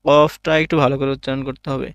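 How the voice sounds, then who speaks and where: A male Quran teacher leads an online alphabet lesson and calls out each letter loudly so it can be repeated. His voice is gravelly and holds an even, level pitch. The recording is dry and close. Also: fast talker, dry recording.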